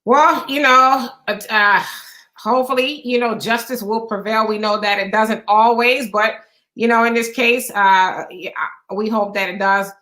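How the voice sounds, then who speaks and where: A woman co-hosting a loose political talk show, with a bright and somewhat high voice. She meanders through her points, full of fillers and restarts. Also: steady tone, measured pace. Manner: chatty, meandering, many fillers. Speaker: co-host.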